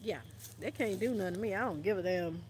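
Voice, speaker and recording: A woman's voice: medium pitch, fast, darkish tone, husky. A woman talking casually on a livestream outdoors in the wind, rambling and repeating "you know what I'm saying" while calling listeners "baby". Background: light wind.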